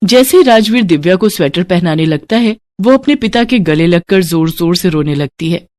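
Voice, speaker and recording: A woman telling a story in steady scripted narration. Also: fairly low pitch, moderate pace.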